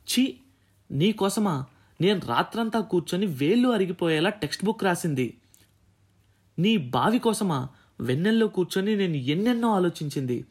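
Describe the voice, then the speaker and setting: Man reading as a fierce young woman tutor in an audiobook, sharp and scornful, lecturing hard, pitched up high. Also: breathy edge, full character voice. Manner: scolding, contemptuous lecturing.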